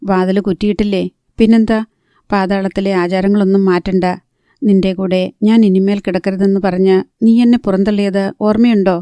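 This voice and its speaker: Grumpy sarcastic young guy, read by a lady, blunt, mellow low-key tone, dry sound. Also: little pitch movement, normal speed, dry recording, natural voice. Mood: grumbling. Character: young man, irritable smoker, sarcastic.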